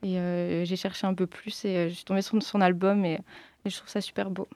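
Smooth-voiced woman, hesitant radio guest. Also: on the low side, flat delivery, fairly quick, a little mellow, dry recording. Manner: hesitant, many fillers. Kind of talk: casual interview talk.

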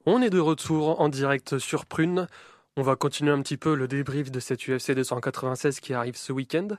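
A man's voice: medium pitch, fairly even intonation, a little fast, no echo, faint music behind. A man co-hosting a casual sports show, breaking down a fighter's style in a methodical and enthusiastic way. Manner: enthusiastic, methodical, self-deprecating. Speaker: co-host of a combat sports show. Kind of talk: casual sports debrief, detailed fighter analysis.

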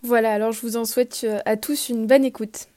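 Lady doing a chatty radio column, mellow tone, dry close sound. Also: on the high side, fairly even intonation, dry recording. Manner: chatty and upbeat, with filler pauses. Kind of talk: scripted podcast recommendation.

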